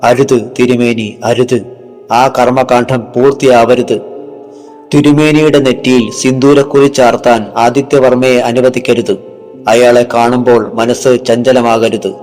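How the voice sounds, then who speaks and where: Guy voicing a seductive vengeful yakshi spirit lady, hushed and commanding, faint music under it. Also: medium pitch, flat delivery, measured pace, lightly acted. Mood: urgent. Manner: urgent, commanding hushed speech.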